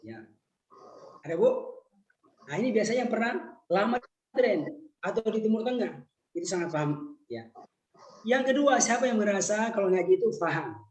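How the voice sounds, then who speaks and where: A man teaching a Quran lesson in an online webinar, putting questions to his listeners and slowing right down when he recites. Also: high-pitched, animated, a little mellow, reverberant. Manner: questions the audience, slow drawn-out recitation. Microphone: video call.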